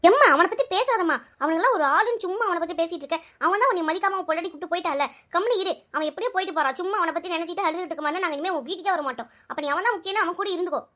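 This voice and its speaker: A woman voicing a worried village mother of two who talks in a brisk, chatty, bossy way. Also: extremely high pitch, sharp tone.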